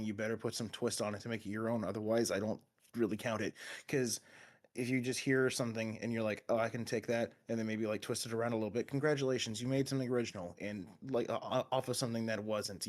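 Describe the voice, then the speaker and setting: A man co-hosting a casual gaming podcast, talking in long rambling runs with many restarts and fillers. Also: fairly low pitch. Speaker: podcast co-host.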